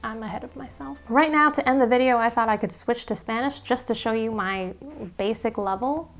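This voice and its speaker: A woman's voice: a little high, moderate pace, faint music behind. A woman whose first language is English, vlogging casually in a language she is learning and often stopping to correct her own grammar. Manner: self-correcting, thinks aloud about grammar; chatty with frequent laughs. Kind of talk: casual rambling monologue.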